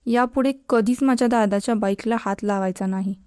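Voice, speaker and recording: A woman's voice: medium pitch, brisk, dark tone, clean tone, dry recording, clean studio sound, lightly acted. A woman voicing a stubborn, bossy young college girl who insists and scolds, in a spoken storybook. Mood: insistent.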